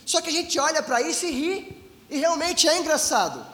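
High-voiced pastor preaching in an echoey hall. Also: male voice, expressive, moderate pace, sharp tone. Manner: storytelling preacher, acts out dialogue. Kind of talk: sermon. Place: church hall. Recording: echoey church hall with long reverb.

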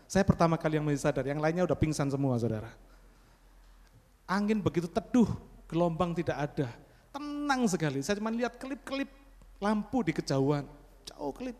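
A man's voice: a little high, expressive, a little fast, pauses often. A man preaching a sermon, telling a story with dramatic bursts and constantly addressing the congregation. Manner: dramatic storytelling with sudden loud exclamations. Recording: long hall reverb.

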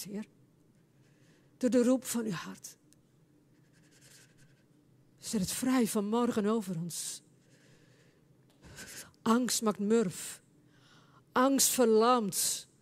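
A woman preaching and praying in a charismatic church service, speaking fervently and building into loud, impassioned prayer. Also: fairly high pitch. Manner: speaks in tongues between prayers.

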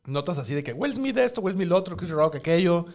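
Playful high-voiced Mexican man. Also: fast talker. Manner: playful, animated, jokey asides. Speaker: podcast co-host. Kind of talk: casual chat.

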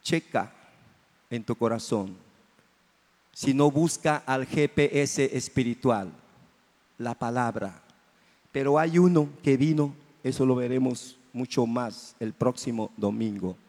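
A pastor preaches fervently in a reverberant church hall, his medium-pitched voice slow and darkish in tone. He calls out to the congregation for amens.

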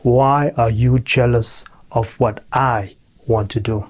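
Male preacher, unhurried, emphatic repetition, mid-pitched. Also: fairly even intonation, darkish tone. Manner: slow, deliberate, emphatic repetition. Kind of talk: sermon with scripture reading.

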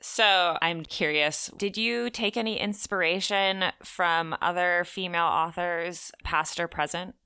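A woman co-hosts a relaxed interview with playful humor. Her voice is bright and clear and sits slightly low. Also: unhurried, hardly any pauses. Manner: playful, joking. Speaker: podcast co-host. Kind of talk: casual interview chat.

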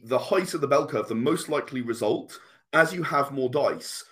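A British man appears as an interview guest, a tabletop RPG and comic creator, explaining things conversationally and earnestly while often restarting and interrupting himself mid-sentence. His voice is mid-range with a fairly bright tone.

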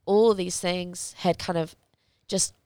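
A young woman fighter speaking as an interview guest, talking candidly in a halting, reflective way as she searches for words. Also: on the low side, steady tone, a little mellow, clean tone, no room sound.

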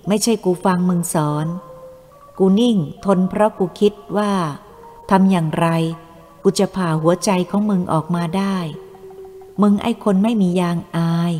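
A woman's voice: mid-range voice, fairly even intonation, measured pace, warm tone, close to an everyday voice. Brief: a woman playing a furious, fearless young captive, cursing, in a reverberant room with faint music. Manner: fierce, cursing, defiant.

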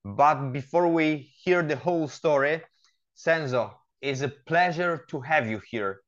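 Guy hosting a podcast, lots of uhs in his questions, sound a bit muffled. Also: fairly high pitch. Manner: halting questions full of hesitations. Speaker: podcast host and coach. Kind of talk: podcast interview. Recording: slightly dull lo-fi audio.

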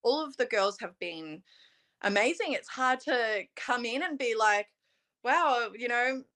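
Her slightly high voice is a bit bright, expressive and unhurried. A young woman from Australia who holds a pageant title, she guests in a casual interview, talking in an earnest, chatty manner filled with "you know" and "um."

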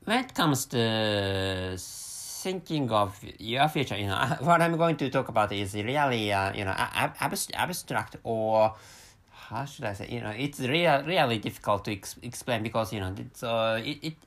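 Speaking English as a second language with a Japanese accent, a man in his thirties from Japan hosts a solo podcast that rambles along. His medium-pitched voice is expressive and fairly bright, and he halts frequently, restarting and repeating words.

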